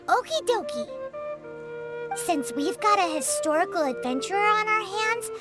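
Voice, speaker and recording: A very shrill, childlike little fairy, chirps in a squeaky, cheeky voice that jumps around in pitch. It is an overacted anime game dub performance with music behind it. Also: female voice, sing-song, moderate pace. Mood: eager, cheeky. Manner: squeaky, speaks of self in third person.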